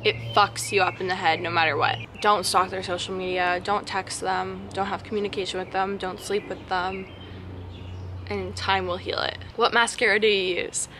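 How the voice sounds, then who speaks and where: Young woman, bright forceful voice, mid pitch, candid slangy Q&A chat, vlogger, outdoors with faint background noise. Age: young adult. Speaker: vlogger answering viewer questions. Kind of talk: casual chatty Q&A. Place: backyard, outdoors.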